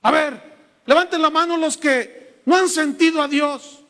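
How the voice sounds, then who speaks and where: A Mexican man mimicking a showy male revival preacher, emphatic and rising in pitch, heard in a reverberant hall. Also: measured pace, pushed and bright, exaggerated voice. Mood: grandiose. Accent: Mexican Spanish.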